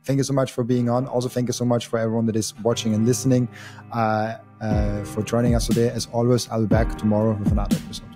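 Music plays in the background as this young Austrian podcast host talks fast at a medium pitch with level intonation. He conducts a casual interview from his home studio on a boom mic mounted on an arm, hesitating often and leaning on fillers and restarts.

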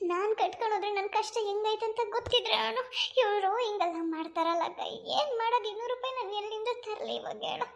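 A woman's voice: extremely high pitch, voice pushed up. A woman with a Kolar Kannada accent voicing a worried village woman who is short of money and pleads and complains.

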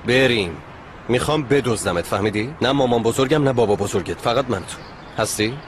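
A man's voice: mid-range voice, noisy background, natural voice. An actor dubbing a determined young man in love who insists on talking things out. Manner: insistent, earnest. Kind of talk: Persian dub of a TV drama.

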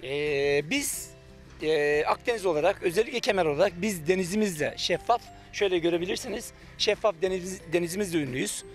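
A middle-aged cafe manager from Turkey speaks to the camera outdoors beside a beach, shaded by trees, holding a reporter's handheld mic. His voice sits high, and he stretches out plenty of hesitant fillers yet states things with confidence. Soft background music can be heard.

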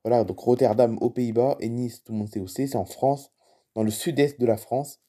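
A man's voice: mid-range voice, fairly even intonation, normal speed, dark tone. A man commenting casually on a live flight-tracking map, reading out cities and plane types and chatting to viewers. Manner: puzzled by unfamiliar place names. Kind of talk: casual screen-recording commentary.

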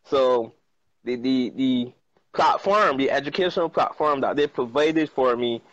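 A man's voice: medium pitch, unhurried, no room sound. A man in his thirties with a Barbadian accent, speaking casually on a video call from a sunny patio, laughing often and repeating words for emphasis. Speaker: guest, trader and chef. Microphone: earphone mic on a video call. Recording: slightly muffled, dry video-call audio.

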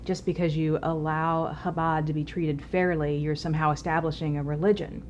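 Low-voiced woman attorney, firm. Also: flat delivery, moderate pace, highs cut off. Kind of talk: interview. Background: music.

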